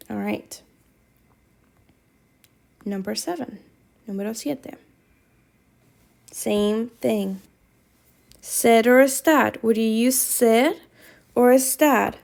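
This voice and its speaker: A woman's voice: fairly high pitch, vocal fry, a little mellow. A woman teaching Spanish, reading quiz questions aloud and patiently repeating instructions to her students.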